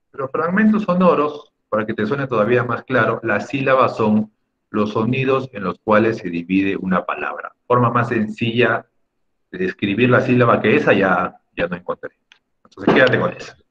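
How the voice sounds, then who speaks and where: A man teaching an online class, explaining patiently and often checking in with "¿no?". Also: medium pitch. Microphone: video call microphone. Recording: dull lo-fi video call audio.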